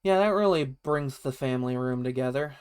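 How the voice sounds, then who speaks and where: A man's voice: mid-range voice, brisk, a little mellow, smooth. A man streaming a horror game, giving wry, playful casual commentary and reading bits of on-screen text aloud to himself.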